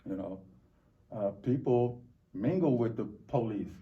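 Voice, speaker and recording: A middle-aged American man from Los Angeles giving reflective, halting interview answers, often repeating words. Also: medium pitch. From Los Angeles, United States. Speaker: interview guest. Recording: dull, muffled lo-fi recording.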